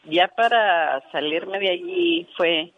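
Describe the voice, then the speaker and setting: A woman's voice: fairly low pitch, takes it slowly, phone-quality sound. A woman calling into a radio show, earnestly telling a story with quoted dialogue, her voice tearful at times. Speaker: radio caller.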